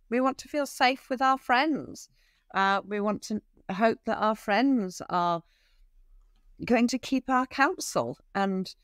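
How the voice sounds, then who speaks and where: A middle-aged woman, an equine behaviour expert, talking casually in an interview, animated and acting out little dialogues with frequent restarts. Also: mid-range voice, no echo. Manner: animated, acts out quoted dialogue, many restarts.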